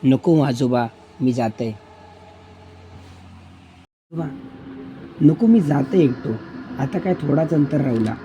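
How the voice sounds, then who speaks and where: A jumpy young traveler lost in a dark forest, voiced by a male storyteller, keeps asking anxious questions. He has a Malvani accent and a raised, tense delivery over a mellow, dark tone. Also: fairly high pitch, lively intonation, slow, pauses often, lo-fi sound, a little hiss or hum. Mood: uneasy.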